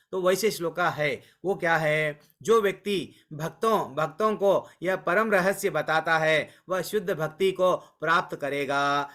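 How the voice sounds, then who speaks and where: High, bright-voiced Gita teacher man. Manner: earnest, coaxing, addresses listeners as mother and brother, mixes English words; repeats words for emphasis. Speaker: Bhagavad Gita class teacher. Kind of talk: devotional scripture class.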